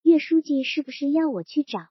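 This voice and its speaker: A woman's voice: sits high, animated, fairly quick, no echo. Woman reading as a wary, sly village official. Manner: cautious, probing. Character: sly middle-aged male village official. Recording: dull, dry lo-fi recording.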